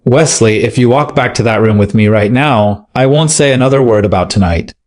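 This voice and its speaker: A man's voice: medium pitch, fairly quick, a little mellow, close to an everyday voice. A hurt defiant wife, read by a man.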